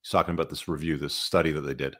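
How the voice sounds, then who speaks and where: Very deep-voiced male livestream host. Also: fairly even intonation, rapid-fire, fairly bright tone. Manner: informal, opinionated, conversational. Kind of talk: casual live commentary to viewers.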